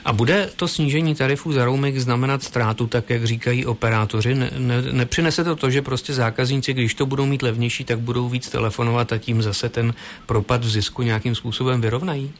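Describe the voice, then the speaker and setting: A man hosting a news broadcast, asking interview questions in a formal, crisp manner. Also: mid-range voice, steady tone, a little hiss or hum. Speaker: news anchor.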